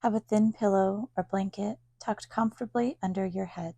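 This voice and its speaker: In a dry recording, a woman teacher leads a guided yoga nidra meditation. Her medium-pitched voice is creaky, and she speaks calmly, soothingly, and without hurry, pausing at length.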